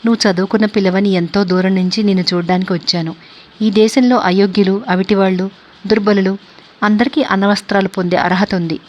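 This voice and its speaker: A woman's voice: mid-range voice, fairly even intonation, brisk, darkish tone, highs cut off, natural voice. A woman reading the part of a stern old man who lectures and reproaches. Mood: reproachful.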